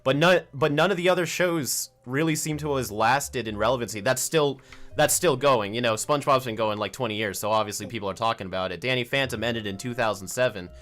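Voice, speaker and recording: A man in his twenties hosts a casual fan interview show from a home office, sounding informal and a bit hesitant as he repeats words while forming his thoughts. His voice is medium-pitched, brisk, and a bit bright.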